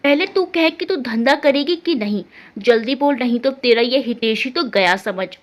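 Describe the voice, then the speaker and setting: A woman voicing a menacing, vengeful man who shouts threats at a young woman. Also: very high voice, animated, normal speed. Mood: threatening.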